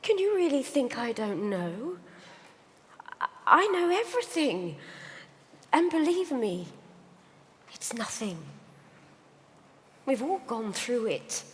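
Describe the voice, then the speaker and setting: A woman's voice: fairly high pitch, big pitch swings, takes it slowly, long pauses, a little hiss or hum, voice pushed up. A woman voicing an anxious elder married sister who tries to soothe and plead, in a live dramatic reading. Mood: coaxing. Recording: hall reverb.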